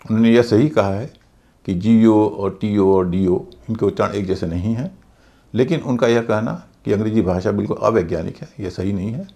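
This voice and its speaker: Gravelly male pronunciation teacher. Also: fairly low pitch, moderate pace, mellow. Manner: patient, methodical, spells out words letter by letter. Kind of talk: explanatory lesson.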